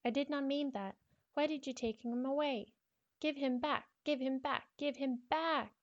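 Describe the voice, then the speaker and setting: A woman's voice: high-pitched, steady tone, normal speed, dull audio, pitched above the performer's own voice, natural voice. A woman voicing a frightened, obsessive young schoolgirl reading out her horror diary, pleading, stammering and repeating herself. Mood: angry, desperate.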